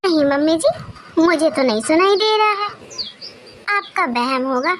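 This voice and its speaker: A woman's voice: very high-pitched, lively intonation, a little slow, fairly bright tone, slight background noise, full character voice. A woman voicing a dutiful, polite young daughter-in-law in a cartoon. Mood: reassuring. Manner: polite, respectful, eager to please. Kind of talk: cartoon character voice.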